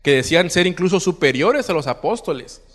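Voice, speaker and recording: A man's voice: a little high, expressive, brisk, a bit bright. Man preaching in a reverberant church hall. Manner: reads scripture aloud with swelling emphasis, questions the congregation. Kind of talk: sermon.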